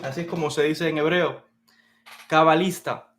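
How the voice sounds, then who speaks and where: A man teaching an introductory lecture on Kabbalah, unhurried and methodical, repeating key words as he explains them at a whiteboard. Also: a little high, fairly even intonation, background noise.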